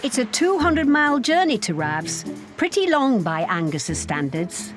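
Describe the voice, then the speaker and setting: A woman's voice: fairly high pitch, sing-song, unhurried, over music. A British woman reading scripted narration for a television programme.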